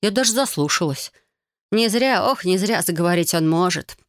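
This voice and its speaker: A woman narrating a first-person fantasy audiobook with a lively, expressive storytelling reading. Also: on the low side, moderate pace, dry recording, clean studio sound.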